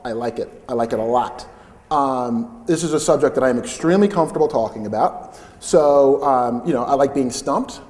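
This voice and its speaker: A man giving a live conference talk in a loud, chatty, informal way. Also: mid-range voice, normal speed. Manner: loud, chatty, invites interruptions. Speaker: conference speaker. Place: large conference hall. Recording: long hall reverb.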